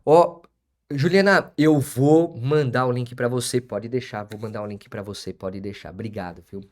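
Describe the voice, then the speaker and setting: A man's voice: mid-range voice, normal speed. A man, hosting a live stream as an auctioneer and lawyer, repeating his phrases for emphasis and chatting with viewers.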